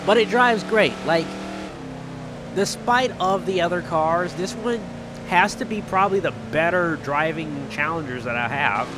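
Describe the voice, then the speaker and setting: With a slightly high voice at a measured pace, this man hosts gaming videos, giving relaxed, chatty commentary in everyday speech and frequently saying things twice. The background is noisy.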